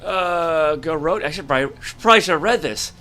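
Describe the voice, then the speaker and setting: A man's voice: a little high, a little fast, sharp tone. A man casually commentating a game as he plays, thinking aloud and reacting to each turn. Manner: musing, thinks aloud while playing. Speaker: gameplay commentator. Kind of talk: casual let's-play commentary.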